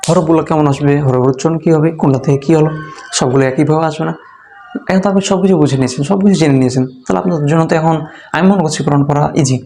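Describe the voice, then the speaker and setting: A man's voice: a little high, racing, warm tone, soft background music. A man teaching a beginner's Quran reading class online, patiently repeating letter sounds and answering his own questions.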